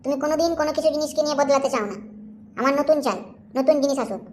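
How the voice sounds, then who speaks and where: A woman voicing a nagging, quick-tempered young housewife in a cartoon, scolding her husband. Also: high voice, darkish tone, slight background noise, close to an everyday voice. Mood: complaining. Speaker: wife character. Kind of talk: cartoon voice acting.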